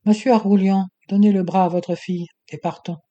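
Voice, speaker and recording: A man's voice: high-pitched, level tone, a little fast, warm tone, muffled recording, voice pushed up, lightly acted. A man reading an audiobook and voicing a tall, menacing stranger who gives curt orders at gunpoint. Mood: coolly ironic. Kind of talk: audiobook character voice.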